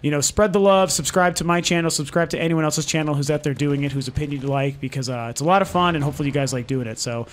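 A gaming channel host from Denver, Colorado, is losing his voice as he chats casually at home to viewers over gameplay footage, full of ums and restarts. His voice sits a little high, and he talks fast with few pauses.

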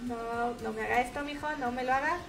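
A young woman with a Mexican accent giving chatty, casual commentary over her gameplay, now and then breaking into shrill, shrieking outbursts. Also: a little fast, vocal fry, over music. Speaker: gaming streamer.

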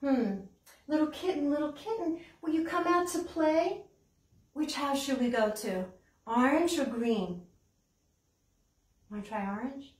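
Pausing often at an unhurried pace, an older American woman with a high-pitched, darkish voice leads a storytime for children, complete with puppets, songs and reading aloud. She asks easy, encouraging questions as if speaking to little ones. Background hiss and a distant mic give the audio a roomy feel.

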